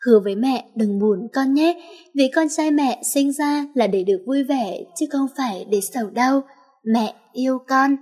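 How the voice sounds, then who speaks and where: A woman voicing a protective young mother who speaks softly and soothingly to her son in an audiobook story. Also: high-pitched, normal speed. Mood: tender. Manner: soft, soothing.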